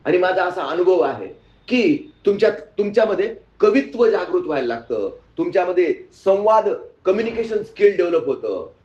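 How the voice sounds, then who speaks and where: A man's voice: high-pitched, very animated, moderate pace, a little mellow. A male spiritual teacher telling a story in a sermon and asking his audience questions. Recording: echoey room, muffled sound.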